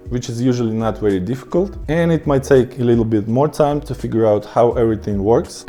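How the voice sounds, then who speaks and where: In a scripted talk to camera, a man whose first language is Russian explains his language-learning method. He sounds upbeat and instructive and lays things out in emphatic lists. His voice sits in the mid-range with a dark tone.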